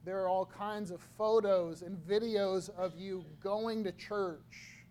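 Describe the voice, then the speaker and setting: A man preaching a sermon, slow and halting, often repeating his words as he goes. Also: sits high, steady tone, a little mellow. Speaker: pastor.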